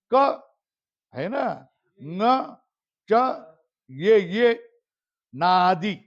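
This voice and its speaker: Slow high-voiced man quizzing students. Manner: quizzing students, repeating "है ना?", chanting terms. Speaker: Sanskrit grammar teacher. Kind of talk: classroom lesson with question and answer drills. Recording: slightly dull lo-fi recording.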